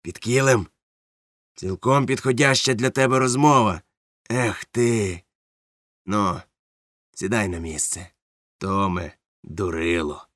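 A man voicing a loud, gruff older pirate who keeps an inn, bossy and scolding. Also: fairly low pitch, slow pace, long pauses, no room sound, studio quality. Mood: scornful.

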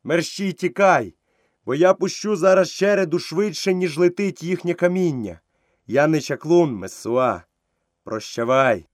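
A man's voice: a little high, expressive, measured pace, no room sound, clean studio sound, pitched above the performer's own voice. A man voicing a proud, defiant young man raised in the jungle, scornful toward villagers. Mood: bitter.

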